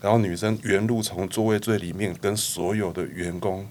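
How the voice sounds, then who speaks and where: A man's voice: on the low side, normal speed, a little hiss or hum. A man, a bar founder, casually telling stories in an interview and acting out the people in them. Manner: animated storyteller, acts out customers' lines.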